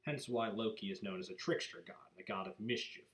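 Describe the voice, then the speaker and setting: A man with a fairly low voice narrates ancient myths as an informal lesson. He explains as he goes, in the manner of a storyteller laying out an old tale. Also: a little fast, fairly bright tone.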